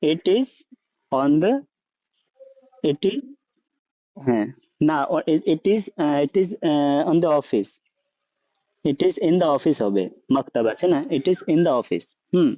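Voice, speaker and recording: A man with a fairly high but mellow voice teaches a class, firing questions at his students and checking they follow. The sound is dry and dull, like a low-fi recording. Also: sing-song, slow, pauses often, no echo. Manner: questioning, checks understanding often; mixes in English words. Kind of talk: online language class.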